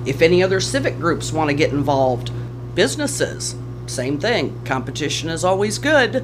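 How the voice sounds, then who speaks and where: A man's voice: fairly high pitch, very animated, normal speed. A man speaking casually as an interviewee about community work, on a noisy recording. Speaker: interviewee, community drive organizer. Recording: clearly noisy recording with hum.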